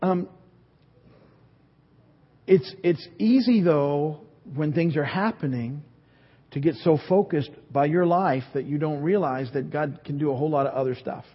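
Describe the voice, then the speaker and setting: In a reverberant hall with a dull recording, a man in his 50s delivers a sermon at a measured pace, his slightly high voice carrying a breathy edge. The pastor pokes fun at himself while recounting a personal story.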